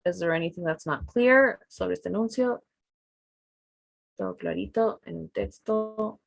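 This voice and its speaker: A woman with a gravelly, mid-range voice teaches an online test-prep class over a video call at a moderate pace, with no room sound. Relaxed and chatty, she explains the tasks while switching between English and Spanish.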